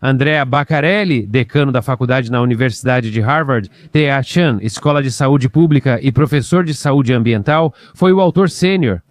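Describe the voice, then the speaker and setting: A man's voice: medium pitch, normal speed, hardly any pauses, no room sound. A man commenting over news clips in a sarcastic, mocking way.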